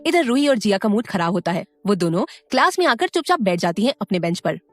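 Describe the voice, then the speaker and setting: A woman's voice: mid-range voice, big pitch swings, fast, no echo, soft background music. Woman narrating an audio story. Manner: storytelling, warm asides to the listener.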